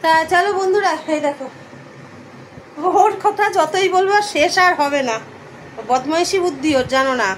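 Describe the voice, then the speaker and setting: A woman's voice: extremely high pitch, moderate pace, long pauses, slight background noise. A middle-aged woman chatting casually to her viewers in a home vlog, filmed on a phone camera indoors, cooing at her pet now and then. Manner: chatty, addresses viewers as friends, coos at pet. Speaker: vlogger.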